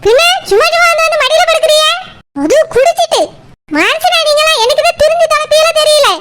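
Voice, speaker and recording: A woman voicing a sharp-tongued village wife in a cartoon, scolding her drunk husband fast and exasperated, with a Kanyakumari Tamil accent. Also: extremely high pitch, very noisy.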